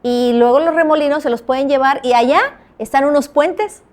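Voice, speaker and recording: A woman's voice: high voice, moderate pace, slight background noise. A woman journalist with a Mexican accent, a guest in an interview, telling her stories with animation and acting out the dialogue. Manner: animated storyteller, acts out quoted dialogue. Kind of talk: anecdotal interview talk.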